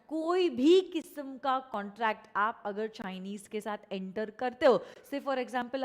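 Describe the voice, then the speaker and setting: An Indian woman teaching law in a live online lecture. She mixes Hindi and English, repeats key phrases for emphasis, and puts questions to her students. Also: a little high. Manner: addresses students directly, asks them questions.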